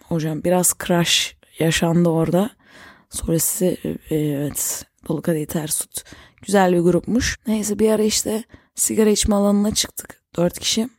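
A woman's voice: on the low side, steady tone, moderate pace, darkish tone, dry recording, studio quality. Chatty young woman, rambling podcast talk. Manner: rambling, chatty, self-correcting storyteller. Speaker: podcast host. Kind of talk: casual solo podcast chat.

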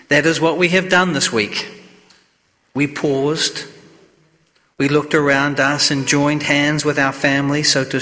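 A clergyman reading the Gospel and preaching a homily at Mass in a measured, solemn way, his voice echoing through a large church. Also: medium pitch, sharp tone. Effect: cathedral echo, long church reverb. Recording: long echo of a large church.

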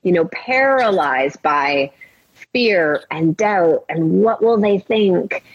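Her fairly low voice is animated and slightly rough, and she takes her time. As a life coach guest in a relaxed podcast conversation, she speaks in long flowing runs, upbeat and motivational, captured on muffled lo-fi audio.

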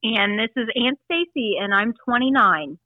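A woman in her fifties, chatty and quick to laugh, answering questions in a casual family interview at home. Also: a little high, animated, dry recording, narrow, tinny audio. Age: 50s. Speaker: interviewee, aunt.

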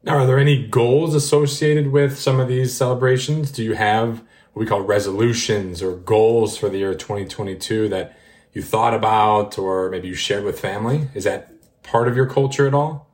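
A man's voice: lowish voice, steady tone, moderate pace, darkish tone. A man hosting a podcast interview, asking questions and affirming his guests' answers in an encouraging way. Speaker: podcast host. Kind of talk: interview moderation.

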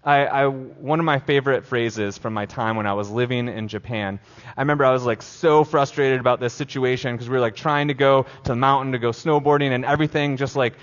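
A man's voice: mid-range voice, brisk. Male pastor, casual filler-heavy sermon delivery, lo-fi recording with long church reverb. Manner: casual, filler-heavy preaching with frequent "like" and restarts. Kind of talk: conversational sermon. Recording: dull lo-fi sound with long hall reverb.

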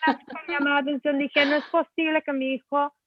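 A woman's voice: high voice, fast, dry recording. A woman with a Mexican Spanish accent, chatting casually as a co-host and telling stories with lots of fillers. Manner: chatty, many fillers, animated storytelling. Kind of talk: casual conversation. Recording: tinny phone-like dry sound.

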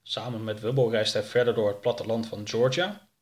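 Calm male audiobook narrator. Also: lowish voice. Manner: calm, measured reading.

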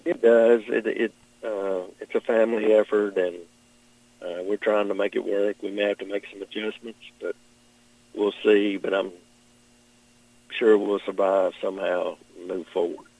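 A middle-aged man with a Kentucky Southern accent, answering interview questions as a farmer in a plain-spoken, halting, measured way. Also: on the low side, flat delivery, gravelly, darkish tone, no room sound, rough recording. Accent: Southern American, Kentucky.

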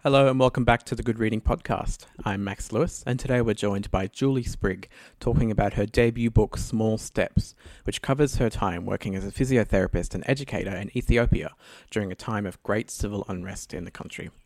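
Lower-voiced man hosting a podcast. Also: a little fast, a little mellow, no room sound. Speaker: podcast host. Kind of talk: interview host.

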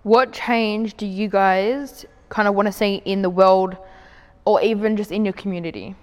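A young woman hosts a youth panel, her voice at a middle pitch. She speaks in a friendly, informal way. Her voice carries a long hall reverb. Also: fairly even intonation, moderate pace. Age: young adult. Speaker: host. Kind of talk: hosting a panel.

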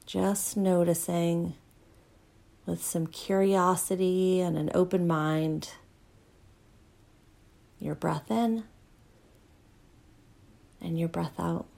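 Female meditation guide, lowish voice, very slow calm delivery. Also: gravelly. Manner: slow, soothing, unhurried guidance. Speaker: mindfulness teacher.

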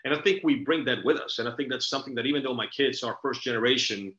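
A middle-aged man from El Salvador hosts a casual talk, bright and forceful in tone. He tells stories earnestly and at length. The recording is roomy and a bit dull and lo-fi. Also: medium pitch, fast. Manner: earnest, expansive storytelling. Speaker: podcast host. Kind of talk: casual conversation.

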